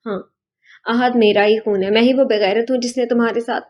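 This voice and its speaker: A woman voicing a remorseful young husband in an audiobook, with a soft, pleading and emotional delivery. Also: on the high side, fairly even intonation, natural voice. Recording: dull lo-fi recording.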